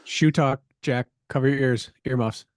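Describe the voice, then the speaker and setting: A man's voice: mid-range voice, steady tone, normal speed, dry recording. Joking man on a dry podcast mic. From middle of America. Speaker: podcast co-host. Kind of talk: casual chat.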